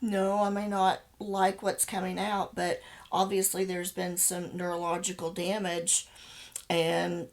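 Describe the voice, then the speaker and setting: A woman co-hosts a podcast with a gravelly edge to her voice. She talks upbeat and chimes in with firm agreement. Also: on the low side, completely flat delivery, measured pace. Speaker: podcast co-host. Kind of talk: casual chat.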